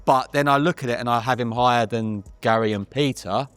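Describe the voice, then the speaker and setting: A man speaks as a darts pundit in a relaxed panel discussion, talking in an emphatic, chatty way and often restarting his phrases. His voice sits at an everyday middle pitch and sounds dry and close. Faint music plays behind him. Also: brisk, clean tone, no room sound.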